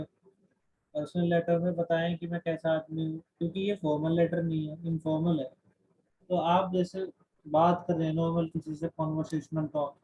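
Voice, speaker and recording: A man's voice: a little high, mellow, breathy edge. A man teaching a class, explaining in Hindi mixed with English terms and often restarting his sentences. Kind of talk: classroom lecture. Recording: dull lo-fi recording.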